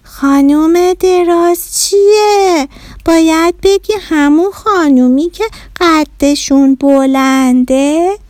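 A woman voicing a young girl who slowly and firmly corrects her guest. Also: sits high, animated, darkish tone, dry recording, studio quality, voice pushed up. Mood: earnest.

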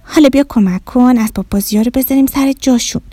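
A woman's voice: on the high side, dark tone, no room sound, pitched above the performer's own voice, lightly acted. A woman voicing a young girl who earnestly explains manners and scolds. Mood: instructive. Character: young girl, bossy and polite-minded.

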